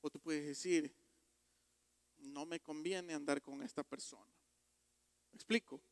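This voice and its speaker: Man, pastor, sermon, emphatic, high pitch, dry close recording. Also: steady tone, a little slow, no echo. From Ecuador. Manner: emphatic preaching, rising to loud exhortations.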